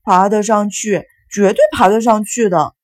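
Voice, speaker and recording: A woman voicing an excitable, whiny young boy who is the little brother, speaking high and pleading. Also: moderate pace, natural voice. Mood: whiny, excited.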